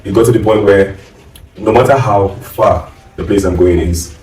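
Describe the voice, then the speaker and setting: A man with a Nigerian accent speaking conversationally on a panel, halting and repeating phrases for emphasis. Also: on the low side, darkish tone. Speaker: panel guest, music minister. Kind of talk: conversational testimony and advice. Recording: echoey room, distant microphone.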